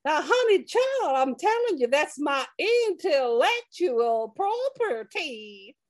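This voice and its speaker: Radio cooking show host: woman, very high voice, slow drawling delivery, folksy and huffy. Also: big pitch swings, no room sound, studio quality. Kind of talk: comedic radio character show.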